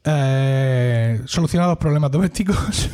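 A middle-aged man from Spain hosting a podcast, playful and jokey, slowing down for mock-solemn lines. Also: medium pitch, darkish tone. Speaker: podcast host. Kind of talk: casual chat.

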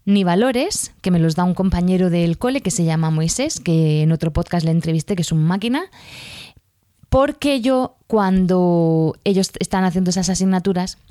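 A woman's voice: on the low side, normal speed, mellow, no room sound, clean studio sound. A woman teacher, talking casually in a podcast monologue, rambling with fillers and self-corrections. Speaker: primary school teacher podcaster.

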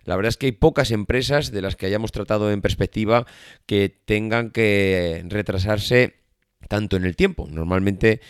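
A man's voice: lowish voice, moderate pace, smooth, no echo. Congested, nasal male podcaster from a dry mic. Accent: Spain. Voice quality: nasal, congested from a blocked nose. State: stuffed up with a head cold. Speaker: podcast host. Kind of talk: solo podcast talk.

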